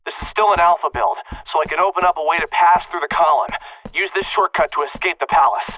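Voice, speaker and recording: An actor voicing a brusque young man who gives orders over a radio link, brisk and impatient. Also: fairly high pitch, slight background noise. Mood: instructing. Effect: radio comm filter. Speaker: video game character. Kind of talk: game voice acting. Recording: tinny comm-link filter.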